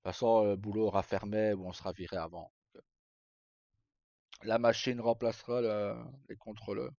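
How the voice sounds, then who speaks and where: With faint game music behind him in a dull, roomy recording, a man streams live and chats unscripted to his viewers. His fairly low, darkish voice comes out flat at normal speed, in sweary, colloquial, short broken-off phrases.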